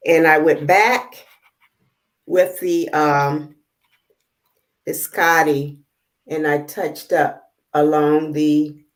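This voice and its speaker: A woman hosting a live makeup tutorial over a video call, talking in a halting way with many fillers while she works and checking that viewers can see. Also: low-pitched, steady tone. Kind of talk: casual live demonstration.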